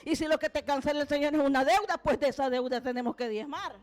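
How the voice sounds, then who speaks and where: A woman's voice: high-pitched, fast talker, soft background music. A woman preacher giving an emphatic sermon to a church congregation, calling out to the people. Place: church service.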